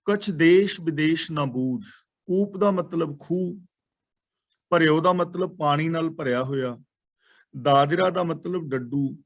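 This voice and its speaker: A man preaching, chanting scripture verses slowly and then explaining their words one by one. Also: fairly high pitch. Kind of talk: scripture exposition.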